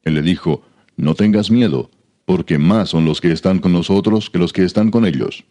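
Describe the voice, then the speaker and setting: A man reading scripture aloud in a measured, even way. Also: sits low. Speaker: Bible reader.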